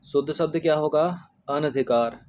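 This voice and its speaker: A man's voice: fairly high pitch, moderate pace, darkish tone. A man teaching an exam-prep lesson, going through test answers and repeating spellings, often adding a filler of agreement. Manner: repetitive, drills spellings with "ठीक है" fillers.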